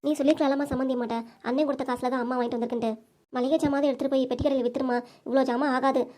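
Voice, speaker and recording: A woman's voice: sits high, steady tone, racing, warm tone, close to an everyday voice. A woman voicing a selfless, worried older village mother with a southern Tamil accent, fussing and insistent. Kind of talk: cartoon voice acting.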